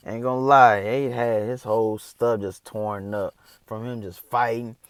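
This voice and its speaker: A man's voice: fairly low pitch, steady tone, unhurried, no room sound, studio quality. A man chatting casually as a reaction host, slangy and rambling.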